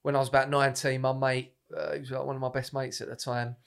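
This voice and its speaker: A man's voice: mid-range voice, little pitch movement, quick pace, creaky. A man with an Essex accent, telling anecdotes casually in colloquial, sweary speech, acting out quotes.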